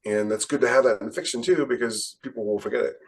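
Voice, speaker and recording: A man with a medium pitch and a breathy edge speaks fast. As a veteran podcast host, he shares anecdotes in a rambling, casual way, often repeating how his phrases begin.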